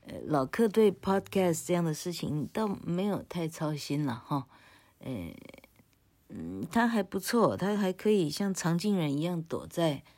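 Low, slow older Taiwanese woman teaching. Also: very animated, darkish tone. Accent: Taiwanese Mandarin. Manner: chatty, thinks aloud, tags phrases with "hah". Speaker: English teacher, podcast host. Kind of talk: casual podcast lesson.

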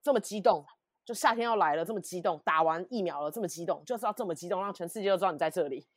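A woman co-hosting a casual podcast chat, telling stories with animated, emphatic repetition. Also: fairly low pitch, racing, no echo, studio quality. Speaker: podcast co-host.

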